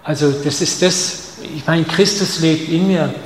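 A man preaching a sermon, speaking straight to his listeners with rhetorical questions, dropping soft and then pushing lines out with stress. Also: a little high, unhurried, slight background noise. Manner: emphatic, direct address with rhetorical questions; swings between soft intimate lines and loud stressed ones. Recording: echoey hall with long reverb.

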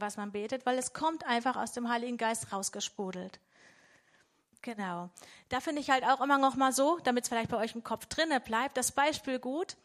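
A woman's voice: a little high, fairly bright tone. A woman preaching a devotional sermon in a conversational way, often checking in with her listeners.

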